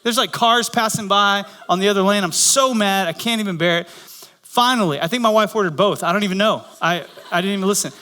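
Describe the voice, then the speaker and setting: A man's voice: sits high, fast talker, sharp tone. A man preaching a humorous Easter sermon in church, telling a story and acting out the voices in it. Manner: joking storyteller, acts out quoted voices. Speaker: pastor.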